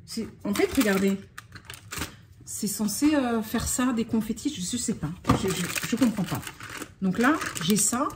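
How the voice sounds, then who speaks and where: A woman's voice: fairly high pitch, expressive, a little slow, very noisy. Scattered, exasperated French woman vlogging. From France. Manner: scattered, self-interrupting, exasperated. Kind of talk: casual unboxing vlog.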